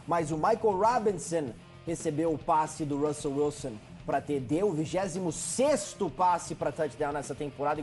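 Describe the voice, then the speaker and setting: A man with a Brazilian accent giving conversational sports highlights commentary as a show analyst. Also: a little mellow.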